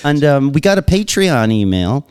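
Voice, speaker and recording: A podcast host with a Long Island accent speaks in a slightly high, slightly mellow voice with a clean tone, big pitch swings, and normal speed. He chats casually and reads listener mail aloud, laughing often and breaking off for asides.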